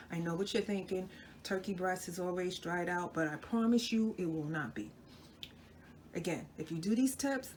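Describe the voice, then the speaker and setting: A woman hosting a cooking channel chats casually to viewers while demonstrating a recipe in her home kitchen. She sounds a little stuffy from a cold and often corrects herself, her lowish voice slightly mellow over a faint hiss or hum.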